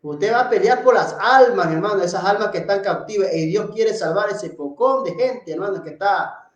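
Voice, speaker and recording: Laughing fervent preacher man, high voice. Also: moderate pace, lo-fi sound. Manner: fervent preaching, constantly saying "hermano", laughing between phrases. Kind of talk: sermon. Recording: echoey room.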